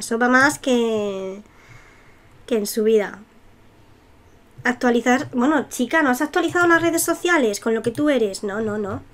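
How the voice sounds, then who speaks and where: A woman's voice: on the high side, fairly bright tone. A young woman with a Spain Spanish accent, chatting casually and giggling while commenting on a life-simulation game. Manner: chatty, giggly, self-mocking asides. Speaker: gameplay youtuber.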